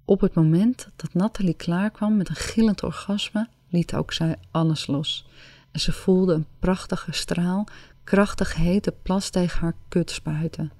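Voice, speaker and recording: A woman narrating an erotic story in a slow, sensual, drawn-out reading. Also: on the low side, steady tone, dark tone, no echo.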